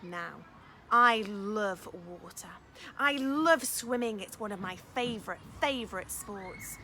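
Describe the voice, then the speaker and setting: Reading a storybook to young kids, a woman teacher sounds expressive and encouraging, leaning into dramatic emphasis and asking them chatty questions. She has a mid-range voice and speaks slowly, and there's a little hiss or hum in the audio.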